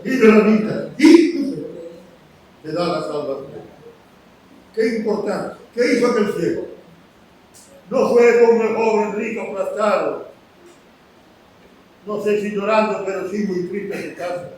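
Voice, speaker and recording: A man preaches a sermon in a high voice, raising it for the story's cries and dropping it for quiet asides. He sounds set back from the mic in a strongly echoing room. Faint ambience sits behind him. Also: measured pace, long pauses, a little hiss or hum. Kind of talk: sermon retelling scripture. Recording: roomy echo from a distant mic with faint ambience.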